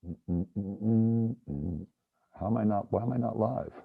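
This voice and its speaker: A man's voice: on the low side, normal speed, gravelly, breathy edge, soft background music. A man hosting a casual live stream, his voice muffled as if heard through a wall. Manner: chatty, reads out viewer comments. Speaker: livestream host. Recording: dull, muffled lo-fi sound.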